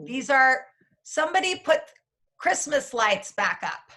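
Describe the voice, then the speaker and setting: Bright, high-voiced upbeat woman on video call. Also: big pitch swings, unhurried. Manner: upbeat, encouraging. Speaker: activity leader. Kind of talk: casual video-call session.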